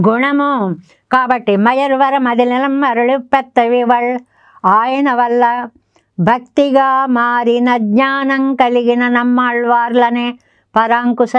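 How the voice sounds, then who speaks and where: A woman giving a devotional scripture commentary, explaining slowly with rhetorical questions and chanted verses. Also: on the high side, clean tone, dry recording. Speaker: religious teacher giving commentary. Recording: dull, lo-fi, dry.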